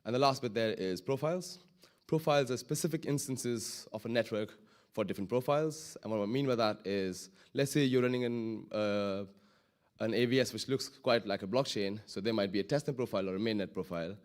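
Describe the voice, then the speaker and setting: Man, lowish voice, technical conference presenter, informal explainer, frequent self-corrections. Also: fairly quick, a little mellow. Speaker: conference speaker, head of innovation. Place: live talk before an audience.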